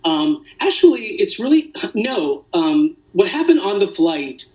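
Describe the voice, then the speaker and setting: A father giving a halting, emotional account in a remote news interview, with many restarts. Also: sits high, big pitch swings, a little mellow, distant mic, highs cut off.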